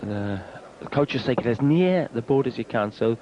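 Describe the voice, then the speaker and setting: A male sports commentator talks through live darts at a medium pitch, with wry, colourful phrasing. The sound is that of an old television broadcast, slightly dull, with clear noise behind him. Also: animated, normal speed. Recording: dull, noisy archive TV broadcast.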